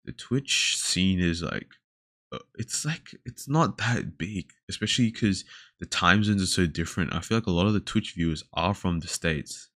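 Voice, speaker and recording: Speaking by himself to a camera indoors, this young Australian podcast host rambles casually, leaning on fillers and dropping thoughts halfway. His voice sits low and slightly bright at a moderate pace. The studio-quality sound carries no room noise.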